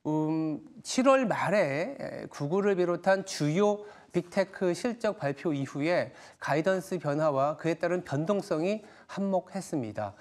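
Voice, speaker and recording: A man hosts a televised stock market talk, his voice sitting on the higher side for a man. He lays out market moves in a measured, explanatory way, dropping small fillers as he goes. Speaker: TV stock market show host. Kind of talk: broadcast market commentary and interview.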